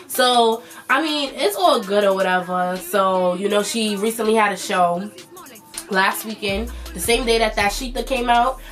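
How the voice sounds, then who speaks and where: A woman's voice: medium pitch, measured pace, a bit bright, faint music behind. A woman in her twenties with a stuffy, nasal voice, chatting loosely as a vlog host with plenty of fillers. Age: 20s. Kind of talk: casual commentary.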